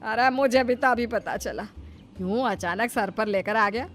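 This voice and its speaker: Woman doing cranky jealous mother-in-law in a cartoon, highish voice, nags and scolds. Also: a little slow, fairly bright tone, faint music behind. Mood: complaining. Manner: grumbling, scolding. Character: jealous older mother-in-law, sharp-tongued. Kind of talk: cartoon voice acting.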